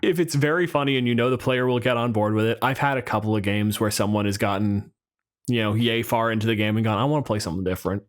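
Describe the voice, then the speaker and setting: A man with a lowish voice talks fast as a podcast co-host, chatting casually and unscripted about tabletop games. He drops wry asides and swears loosely.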